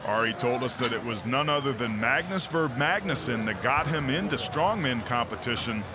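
A man from California working as color commentator, giving animated, analytical sports commentary. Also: medium pitch, normal speed. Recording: loud crowd and noise behind.

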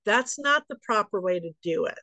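A woman teaching a breathing class, giving slow, patient cues with long pauses and chatty, self-deprecating asides. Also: medium pitch, animated, pushed and bright, dry recording, poor audio. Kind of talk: guided breathing instruction.

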